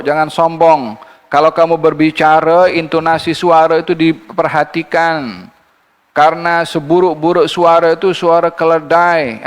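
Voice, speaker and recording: Gravelly-voiced man teaching in a hall. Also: fairly high pitch. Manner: recites Arabic verses slowly, then explains in a lively teaching voice. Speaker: religious teacher. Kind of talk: Quran commentary lecture. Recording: long hall reverb.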